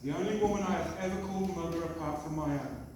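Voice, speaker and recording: High-voiced father giving a very echoey wedding speech. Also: quick pace. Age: middle-aged. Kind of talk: wedding speech and toast, read out in short phrases. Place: large reception hall. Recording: very echoey noisy hall, far from mic.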